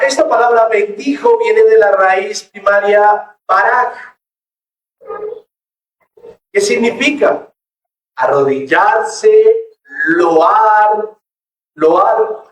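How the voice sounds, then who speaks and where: A pastor preaching a sermon to his church, slow and emphatic, asking rhetorical questions. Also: high voice, low-quality recording.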